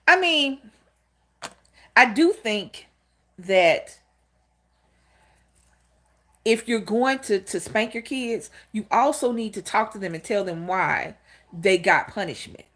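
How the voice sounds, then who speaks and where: A woman's voice: medium pitch, animated, slow, pauses often, fairly bright tone. A woman in her fifties hosting a casual livestream, speaking candidly and telling stories straight to her viewers. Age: 50s. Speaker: channel host. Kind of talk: casual livestream talk greeting chat viewers.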